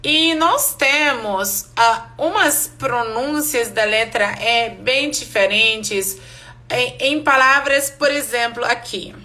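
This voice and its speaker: A woman teaching an English pronunciation class live online, explaining slowly and repeating each word for her students. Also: fairly high pitch, bright, forceful tone.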